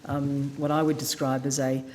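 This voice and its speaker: Low-voiced woman official, easygoing. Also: flat delivery, normal speed, darkish tone, slight background noise. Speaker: department official. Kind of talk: formal testimony.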